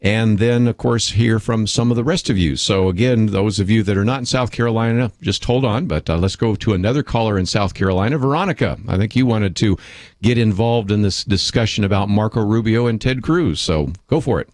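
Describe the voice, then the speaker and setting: A man hosting a call-in radio talk show, taking callers briskly and affirming them. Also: lowish voice, a little mellow, dry recording, studio quality. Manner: brisk, affirming, moves calls along.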